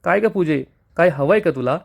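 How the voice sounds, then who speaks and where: A man reading the lines of a gentle, patient young woman in a calm, polite way. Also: on the high side, moderate pace, vocal fry.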